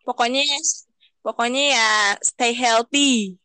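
Casting: young woman podcast co-host, Jakarta accent, slangy casual chat, fairly high voice, dry close sound. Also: fairly even intonation, slow, bright, forceful tone, no room sound. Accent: Jakarta Indonesian. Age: young adult.

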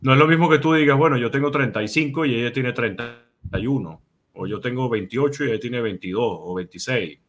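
A man's voice: mid-range voice, brisk, fairly bright tone, a little hiss or hum. A man co-hosting a casual podcast chat over a video call, reflective and explaining his points with worked examples. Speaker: co-host.

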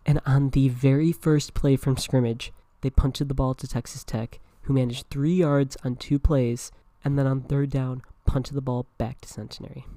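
A man's voice: medium pitch, flat delivery, moderate pace, few pauses, dark tone, no echo. Brief: male podcast host, conversational read-aloud narration, dry recording. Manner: casual and conversational.

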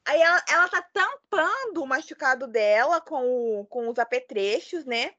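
A woman with a high voice chats casually about a film and retells its scenes in detail. She acts out the characters' lines as she goes. The recording sounds dull and lo-fi. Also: animated, moderate pace, bright, forceful tone.

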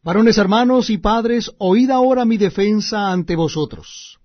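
A man's voice: sits high, animated, unhurried, husky, dry recording, full character voice. A man voicing the apostle Paul in a scripture reading, declaiming earnestly. The recording is dull and lo-fi. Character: apostle Paul, a man defending himself before a crowd.

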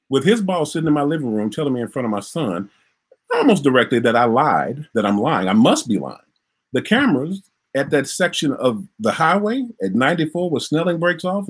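A middle-aged man from Minnesota tells a personal story with real feeling. His voice is husky and sits a little high, and it rises and falls widely as he acts out the moments and repeats himself. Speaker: interviewee recounting a traffic stop.

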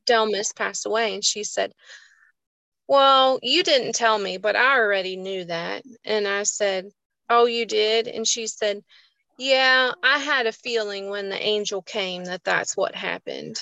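A woman's voice: medium pitch, measured pace, vocal fry, pushed and bright, no echo, poor audio. A woman, earnestly telling a personal story in a casual faith chat. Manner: earnest, emotional storytelling, folksy. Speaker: co-host of a faith show.

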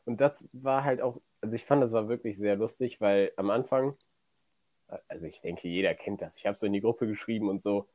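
A man's voice: on the low side, fairly quick, darkish tone, no echo. A man with a light Rhineland German accent, chatting casually and rambling through stories as a podcast co-host. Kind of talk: casual chat.

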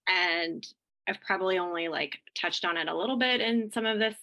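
A woman's voice: fairly low pitch, normal speed, bright, forceful tone, low-quality recording. A woman in a group podcast chat as a mastermind member, talking candidly and rambling, swearing casually.

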